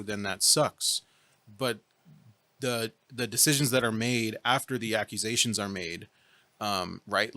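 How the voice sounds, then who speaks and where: A man with a fairly low but bright, crisp-edged voice, recorded dry. He explains his points emphatically in casual discussion, looking for agreement as he goes. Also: no room sound.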